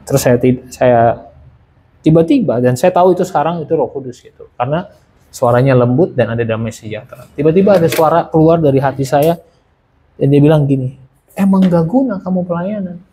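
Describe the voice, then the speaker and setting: A man's voice: mid-range voice, brisk, warm tone, a little hiss or hum. A man giving a casual sermon and personal testimony, often asking and answering his own questions. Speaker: preacher sharing testimony.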